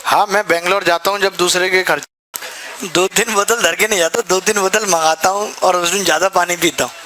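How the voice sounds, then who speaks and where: High, bright-voiced young man telling stories. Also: steady tone, brisk, a little hiss or hum. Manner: chatty storyteller who gets heated and laughs. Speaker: maths teacher. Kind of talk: casual anecdote told to a class.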